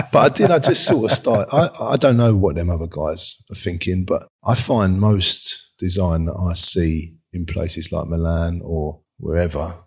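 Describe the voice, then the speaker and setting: Gravelly low-voiced man. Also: unhurried. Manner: rambling, self-mocking, laughs often. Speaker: furniture designer, guest. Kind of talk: casual interview chat.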